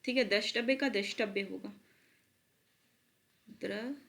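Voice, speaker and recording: A woman teacher giving an online spelling lesson for exam students, repeating words slowly and mixing in English terms. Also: medium pitch, gravelly, fairly bright tone. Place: at a laptop.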